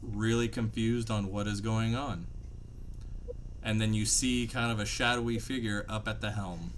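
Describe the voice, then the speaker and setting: A man narrating a tabletop fantasy game as game master, telling it dramatically with pauses. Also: lowish voice, steady tone. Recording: faint background room noise.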